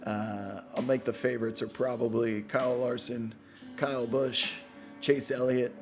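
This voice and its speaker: A New York-accented man hosting a loose livestream and bantering with viewers, full of jokes and casual swearing. His voice sits at an ordinary middle pitch, with soft music playing behind him. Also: little pitch movement. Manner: joking, profane, quick banter. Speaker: host.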